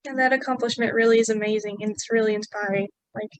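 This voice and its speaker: A woman's voice: fairly high pitch, steady tone, fast, no room sound. A woman interviewing an author over a video call, encouraging and laughing along. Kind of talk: casual interview.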